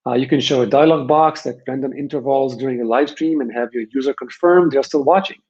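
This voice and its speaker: Speaking fairly quickly in a mid-range, darkish voice, a man with an Israeli accent presents a conversational webinar for a software vendor. He makes his points emphatically and repeats phrases to hammer them home. The audio is dull and band-limited.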